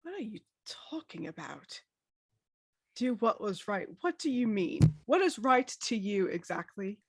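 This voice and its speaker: A woman's voice: mid-range voice, very animated, a little slow, husky, dry recording, clean studio sound. A woman playing in a tabletop role-playing game, speaking in casual improvised dialogue.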